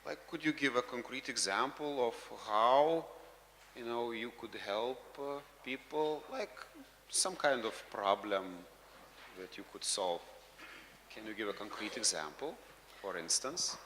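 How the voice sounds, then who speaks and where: A man moderating a conference session and taking questions from the audience, relaxed and a little fumbling. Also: mid-range voice, a little slow. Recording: reverberant hall with faint noise.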